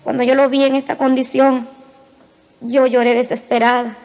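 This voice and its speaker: A woman giving a spoken religious testimony in an emotional way, speaking in short phrases with dramatic pauses. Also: high voice, level tone, darkish tone. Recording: reverberant hall.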